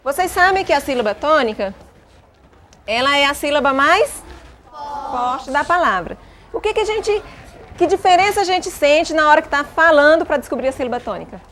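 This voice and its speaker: A Brazilian woman teaching a class of pupils, patiently asking guiding questions and filling her pauses. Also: high-pitched, lively intonation, a bit bright, a little hiss or hum. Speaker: schoolteacher.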